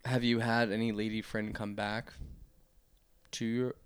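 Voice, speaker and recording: A man's voice: fairly low pitch, little pitch movement, unhurried, clean tone, no room sound, studio quality. A young man co-hosting a podcast, joking and teasing in casual chat. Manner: joking, teasing, laughs often. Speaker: podcast co-host.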